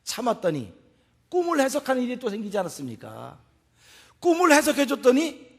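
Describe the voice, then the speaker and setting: A male pastor preaching a sermon, animated, swinging between loud exclamations and hushed asides. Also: high voice. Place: church sanctuary. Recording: long church hall reverb.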